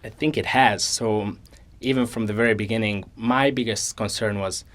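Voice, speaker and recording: A man in his twenties from Hungary speaks in a somewhat low voice. He answers interview questions earnestly and at a measured pace, often restarting his sentences. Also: fairly even intonation, a bit bright. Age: 20s. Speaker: co-founder guest. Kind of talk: conversational interview.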